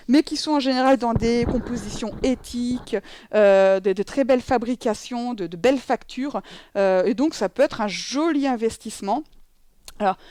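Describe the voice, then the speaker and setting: A woman's voice: fairly high pitch, warm tone, smooth, no room sound. A French woman teaching how to wear a babywearing coat, chatting casually with many fillers and self-corrections. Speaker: babywearing instructor. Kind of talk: demonstration tutorial. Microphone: headset.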